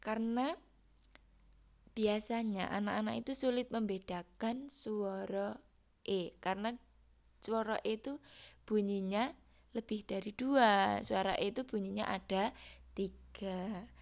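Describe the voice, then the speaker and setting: A woman with a Javanese accent teaching a language lesson, reading out example words slowly and one by one. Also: medium pitch, steady tone, gravelly. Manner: slow, deliberate, spells out example words one by one.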